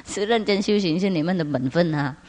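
A woman's voice: fairly low pitch, a little mellow. A woman spiritual master giving a Buddhist teaching talk, laughing often and asking rhetorical questions. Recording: long hall reverb.

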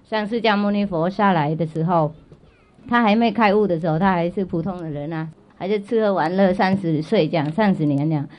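A woman's voice: on the low side, a little fast. Woman telling a story to children. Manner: chatty, checks in with listeners often; repeats and restarts phrases. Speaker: spiritual teacher. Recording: dull lo-fi recording.

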